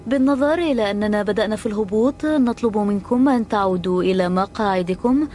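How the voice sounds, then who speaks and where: A woman's voice: medium pitch, racing, darkish tone, a little hiss or hum. A woman flight attendant reading a scripted cabin safety announcement.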